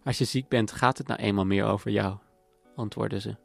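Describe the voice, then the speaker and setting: A man giving calm, matter-of-fact, intimate first-person narration in a scripted documentary. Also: fairly low pitch, normal speed, creaky. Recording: dry close voice-over with faint music.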